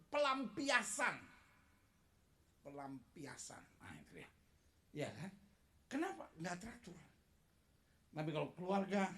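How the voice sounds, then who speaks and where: A male pastor preaching a sermon. He is animated, jokes with the congregation and prompts them to call out answers. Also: extremely high pitch. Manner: calls for congregation responses.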